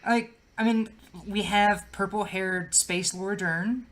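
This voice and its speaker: A man's voice: high-pitched, steady tone, unhurried, fairly bright tone. A young man co-hosting a podcast, rambling casually with lots of fillers and swearing. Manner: rambling, filler-heavy, profane. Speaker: podcast co-host. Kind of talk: casual chat.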